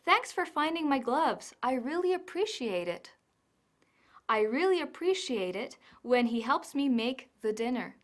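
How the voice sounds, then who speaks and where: A woman giving a scripted English lesson, modelling phrases slowly and carefully. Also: high voice, sing-song. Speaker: English teacher.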